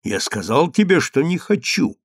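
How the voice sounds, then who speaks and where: A man plays a stern, commanding hero in an audiobook, firm and loud. His voice is gravelly and a touch high, in a dry close recording. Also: sing-song, moderate pace, no echo, full character voice.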